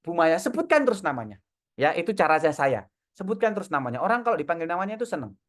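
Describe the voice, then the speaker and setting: A man, coaching an audience in a casual online Q&A and telling lively stories. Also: a little high, very fast. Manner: lively, encouraging, tells stories with acted quotes. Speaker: coach answering audience questions. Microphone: video call.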